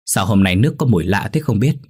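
A man's voice: lowish voice, expressive, quick pace, slightly rough. A man voicing a grumpy old male landlord who scolds his servants and stammers in fright. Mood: angry scolding. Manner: shouting, stammering in terror.

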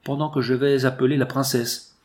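A man's voice: mid-range voice, flat delivery, moderate pace, natural voice. A man reading an earnest young hero giving orders. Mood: urgent. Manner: urgent, directive.

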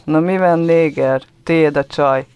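A man's voice: mid-range voice, steady tone, creaky, natural voice. A man reading a story, voicing a cocky, pushy teenage boy who talks in a smug, sneering way.

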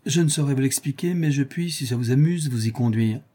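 Guy doing a salty blunt sailor, old-time, huskier darker voice pitched up. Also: a little fast, mellow, slightly rough, close to an everyday voice. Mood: hearty. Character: frank superstitious old-time male sailor.

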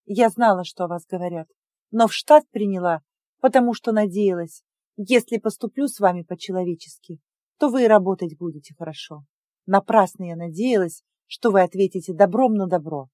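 Audiobook figure: woman reading a strict moralizing female manager, clipped and preachy, mellow dry voice. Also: mid-range voice, brisk, no echo, lightly acted. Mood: self-righteous. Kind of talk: audiobook character voice.

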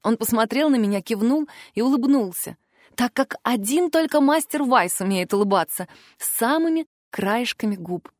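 A woman narrating a fantasy novel in the first person with a soft, expressive delivery into a close microphone. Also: on the high side, normal speed, dry recording. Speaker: audiobook narrator.

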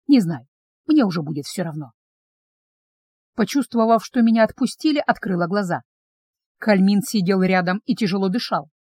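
A woman reads a first-person novel aloud, her voice at a middle pitch, intimate and tense as she tells the story. The sound is close and completely dry, with no room around her. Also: darkish tone, dry recording. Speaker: audiobook narrator.

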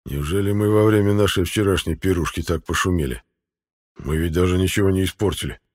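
A man's voice: deep voice, brisk. A man voicing a viking warrior who mutters his puzzlement under his breath. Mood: puzzled. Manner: muttering, wondering.

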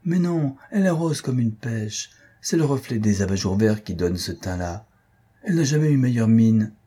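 A man's voice: on the low side, lively intonation, normal speed, warm tone, husky. A man reading an audiobook, voicing a fickle, playful young count who talks lightly and affectionately. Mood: tender.

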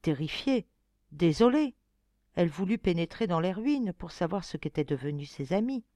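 A woman narrating a fairy-tale audiobook in an expressive, measured storytelling manner. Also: lowish voice, no room sound, studio quality.

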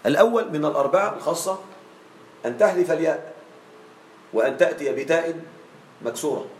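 Guy teaching grammar to a class, bit high voice, keeps asking if they're following, roomy echo. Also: lively intonation, slight background noise. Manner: checks on students with frequent questions; drawn-out slow spelling of example forms.

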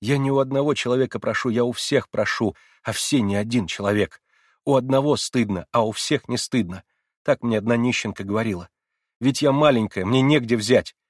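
A man reading aloud and voicing a distraught, defiant young orphan girl who shouts and sobs. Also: brisk, no room sound, clean studio sound, natural voice. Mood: furious. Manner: shrill, sobbing, shouting outbursts.

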